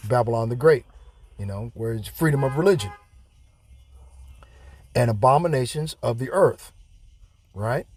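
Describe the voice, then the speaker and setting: A man's voice: mid-range voice, darkish tone, no echo. A man preaching from scripture in a home video, rambling with profane asides. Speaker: self-styled preacher. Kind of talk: home video Bible teaching.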